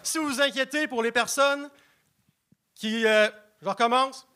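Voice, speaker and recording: A man doing a stand-up set of deadpan one-liners. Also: very high voice, measured pace, heavy background noise. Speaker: stand-up comedian.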